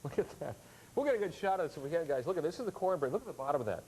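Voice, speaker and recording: A man works as a home shopping host, pitching goods live in a conversational style. His voice sits a little high and moves animatedly in pitch. Faint noise runs behind him on the broadcast. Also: big pitch swings, very fast, a little mellow, low-quality recording. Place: TV studio demonstration set.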